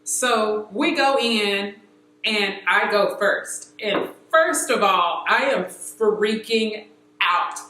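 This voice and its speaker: A woman's voice: mid-range voice, very slow, slight background noise. Chatty woman telling a story, echoey room. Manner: animated, acts out quotes with filler words. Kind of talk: casual storytelling chat.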